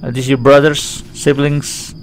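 A man's voice: mid-range voice, flat delivery, measured pace. A man giving chatty, joking let's-play commentary on a horror game. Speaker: gaming YouTuber.

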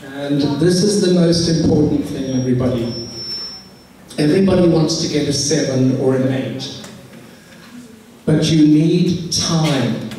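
Slow-talking hoarse man in echoey hall. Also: mid-range voice, mellow, recorded from a distance, slight background noise. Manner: slow, encouraging, repeats himself. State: losing his voice. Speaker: IELTS teacher giving a talk to students. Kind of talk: school talk with Q and A. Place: large echoey school hall.

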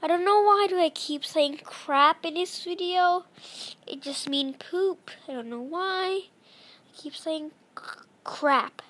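A woman giving casual gameplay commentary, chatty and apologetic, breaking into excited shouts. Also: extremely high pitch, takes it slowly. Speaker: gaming channel host.

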